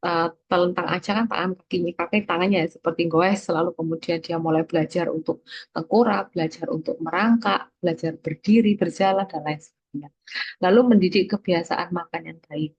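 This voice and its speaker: Woman, lecturer, low husky voice, patient step-by-step explaining, dry muffled recording. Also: fairly even intonation, fairly quick, no room sound. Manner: explains step by step, checks in with frequent "ya".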